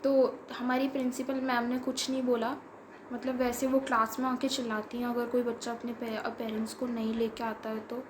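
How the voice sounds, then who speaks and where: A woman's voice: on the high side, level tone, moderate pace. A young woman chattily telling a funny school story, laughing often and using many fillers. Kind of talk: casual storytelling of a school memory. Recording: roomy with faint background noise.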